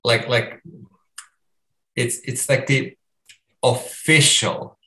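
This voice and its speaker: Guest author, Finnish accent, slow and deliberate, halting restarts, echoey room. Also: male voice, mid-range voice, fairly even intonation, sharp tone. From Finland. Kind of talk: casual conversation.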